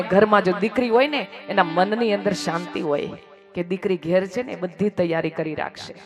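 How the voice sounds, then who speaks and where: A man preaches a devotional story with strong feeling, letting his voice swell and then sink almost to a whisper. He strings phrases into rhythmic, repeating lists, and faint music plays behind him. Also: high-pitched. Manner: emotional, swells loud then drops to near whisper. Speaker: katha storyteller.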